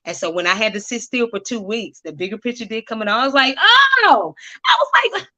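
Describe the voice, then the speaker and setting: A woman's voice: medium pitch, quick pace, pushed and bright, muffled recording. A woman entrepreneur telling her story as an interview guest, candid and emphatic. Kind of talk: casual interview chat.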